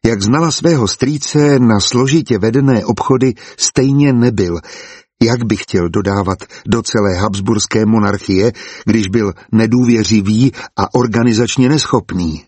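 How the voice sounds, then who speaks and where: A man narrating a historical novel in a calm, measured audiobook reading. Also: lowish voice, slightly rough, no room sound.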